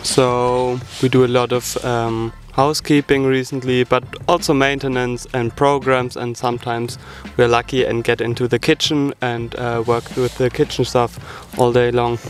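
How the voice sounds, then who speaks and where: A young man from Germany, a native German speaker, talking in a thoughtful, measured way about volunteering. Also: mid-range voice, little pitch movement, soft background music. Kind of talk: casual group chat.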